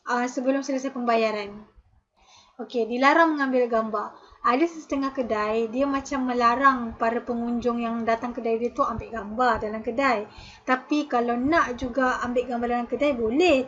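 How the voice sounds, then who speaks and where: A woman's voice: a little high, highs cut off. A woman teacher with a Malaysian Malay accent, patiently explaining a lesson and dropping in frequent "okay" and "ha" fillers. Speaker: special education teacher. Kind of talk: recorded classroom lesson.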